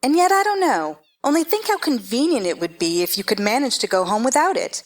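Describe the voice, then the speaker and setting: A woman's voice: fairly high pitch, big pitch swings, a little fast. A woman playing a haughty, bossy chess-piece queen who gives imperious, scolding orders in a theatrical stage-play reading. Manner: imperious, clipped commands, scolding.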